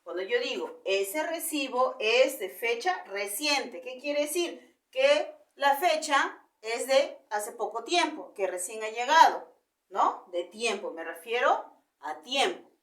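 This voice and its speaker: A woman with a Peruvian Spanish accent gives a school lesson in a high, very animated voice, often checking in with the class. She sounds set back from the microphone, with a roomy echo around her. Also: distant mic. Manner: explains slowly with repeated rhetorical questions and "¿no?" checks. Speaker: primary school teacher.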